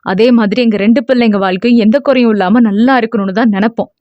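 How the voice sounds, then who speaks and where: A woman voicing a steady elderly father in an audio novel, firm and reassuring toward his sons. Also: fairly high pitch, fast talker, no echo, dull audio, lightly acted.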